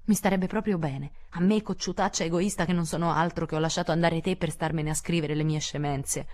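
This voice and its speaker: A woman's voice: on the low side, normal speed, warm tone, breathy edge. Jo: a woman voicing a spirited, impulsive teenage girl. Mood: earnest. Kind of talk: audiobook character voice.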